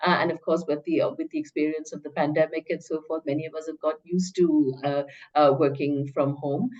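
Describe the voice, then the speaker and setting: A middle-aged woman speaking as an academic researcher in an interview, hesitant and measured, often repeating words as she reasons. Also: low voice, level tone, a little mellow, highs cut off. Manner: hesitant, stammering, measured scholarly phrasing. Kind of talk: interview answer, academic discussion.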